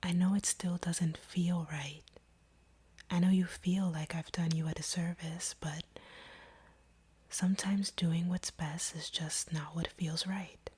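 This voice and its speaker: Here the same vampire character, played fully in character by a woman, whispers to the hunter she has feelings for in a steady, deliberate, earnest way. The extremely breathy, hushed voice sits a little low, and under her composure she sounds pained, insistent, and torn, as in an intimate audio roleplay.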